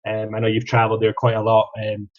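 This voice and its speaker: A young man with a Scottish accent, talking as a podcast guest in a friendly, thoughtful way, often pausing to find his words. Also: lowish voice, monotone. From Scotland. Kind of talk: casual interview talk. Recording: slightly dull lo-fi audio.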